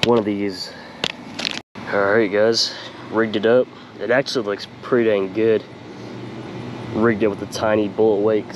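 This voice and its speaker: Low-pitched man, casual creaky fishing vlogger. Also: flat delivery, unhurried, long pauses, noisy background. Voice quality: slightly creaky voice. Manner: laid-back, slangy, talking to viewers. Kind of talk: casual chat while fishing. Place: outdoors by a small pond.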